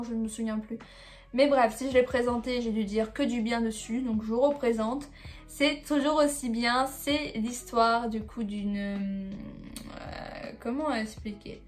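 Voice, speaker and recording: Chatty woman rambling about her manga. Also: a little high. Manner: chatty, rambling, fillers like bref and voilà. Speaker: manga reviewer. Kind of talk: casual chat about a manga haul.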